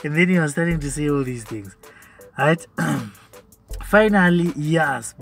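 Chatty Zimbabwean man, a bit high. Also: lively intonation, slow pace, vocal fry, a bit bright, soft background music. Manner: chatty, laughs often, mixes in Shona phrases. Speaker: podcast host. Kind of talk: casual commentary reading social media comments.

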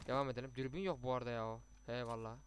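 A young man commentating his mobile shooter match with teammates, chatty, muttering to himself and then bursting out excitedly. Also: medium pitch, rapid-fire, a little hiss or hum. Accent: Turkish. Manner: chatty, swings between muttering and excited outbursts. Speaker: gaming streamer. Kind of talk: live gameplay commentary with teammates.

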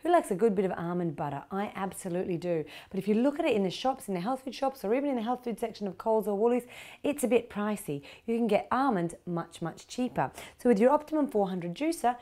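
A woman's voice: medium pitch, lively intonation, fast, mellow. A middle-aged Australian woman hosting a cooking show, chatty and upbeat, explaining each step of a kitchen demonstration on a lapel mic. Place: home kitchen studio.

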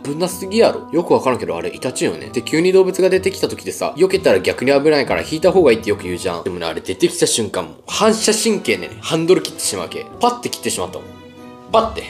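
Speaking at a medium pitch, this young adult mukbang host talks rapid-fire, his pitch swooping wildly, with faint music behind him. He has a western Japanese accent and chats casually to the camera in a small room at home, eating and tasting as he goes.

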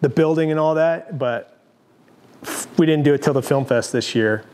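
A man in his forties giving a casual tour of his large garage workshop, talking in a relaxed, rambling way with many fillers and restarts. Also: on the high side, moderate pace. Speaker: overland company founder giving a shop tour.

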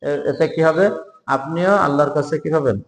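Man spelling words out slowly, echoey. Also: fairly high pitch, steady tone. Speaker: spelling teacher. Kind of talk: spelling lesson for job exams. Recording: echoey room with long reverb.

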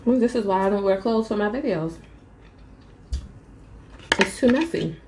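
A woman's voice: mid-range voice, lively intonation, normal speed, reverberant, noisy background. A young woman chatting to viewers between bites in a casual eating vlog. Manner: chatty, addresses viewers as y'all, eats between sentences. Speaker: mukbang vlogger. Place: small room at home, indoors.

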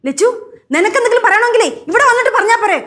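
A peacemaking sitcom mother with a quick, very high, bright voice. She pleads with her quarreling children to calm down. Faint music sits behind her. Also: full character voice. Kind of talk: TV sitcom acting.

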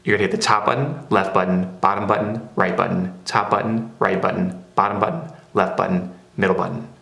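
A man's voice: low voice, steady tone, fairly quick, gravelly, sharp tone. A man narrating a step-by-step product how-to in a plain, methodical way. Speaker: product demonstrator. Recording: roomy echo.

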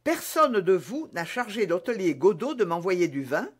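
A man's voice: sits high, very animated, moderate pace, a bit bright, slightly rough, exaggerated voice. A man voicing a young impetuous musketeer hero, speaking with urgent earnestness in a storybook reading.

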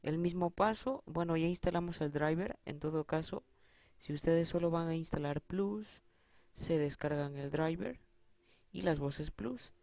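A man hosting a relaxed tech tutorial, with a mellow and slightly high voice. He calmly walks viewers through each step. The recording is dry and close. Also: a little slow, no echo. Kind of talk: casual screen-reader tutorial.

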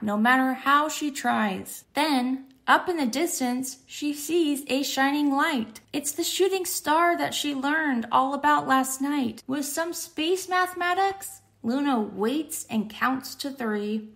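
Her voice sitting high, a woman delivers a children's story with deliberate, expressive storytelling.

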